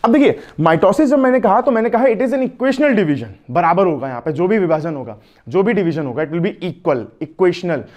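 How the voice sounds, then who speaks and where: A man's voice: sits high, lively intonation, normal speed, darkish tone. A man with an Indian accent teaching biology in an online exam-prep lecture, chatty, mixing Hindi with English and asking his students questions.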